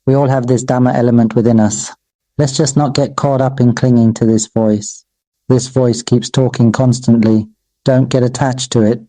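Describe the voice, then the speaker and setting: A Buddhist monk gives a dharma sermon in a very dark, mellow voice with little pitch movement, staying almost level. His slow, measured phrases repeat like an incantation, and he addresses his own voice as "Mister Voice." The sound is close and dry, without room echo.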